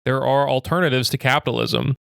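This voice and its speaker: A man's voice: medium pitch, fairly even intonation, brisk, gravelly, fairly bright tone, smooth, dry recording, studio quality. A young man narrating a scripted video essay, blunt and opinionated, with a sarcastic edge. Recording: faint music under the voice.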